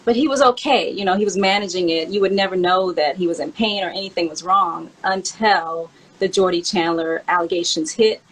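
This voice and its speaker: Poor audio captures a woman with a lowish, fairly bright voice who talks fairly quickly with hardly any pauses. The host and memoir author is counting down favorite songs, casually chatting and looking back on her life with candor.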